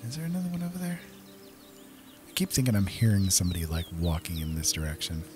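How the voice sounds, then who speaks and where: Talking fast in a low voice with big pitch swings, this gaming host thinks aloud through a casual let's play. Game music and outdoor nature sounds play behind him.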